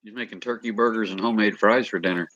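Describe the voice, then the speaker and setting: A man's voice: fairly low pitch, quick pace, a bit bright, dry recording, lo-fi sound. A man, a guest on a live stream, chatting casually and talking up the voices he can do. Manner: chatty, boastful about doing voices. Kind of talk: casual chat.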